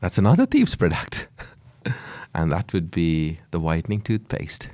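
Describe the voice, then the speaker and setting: A man's voice: deep voice, big pitch swings, moderate pace, a little mellow, no room sound. A man from Sri Lanka, a podcast guest, chatting in an easygoing way with short agreeing replies. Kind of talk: casual podcast chat.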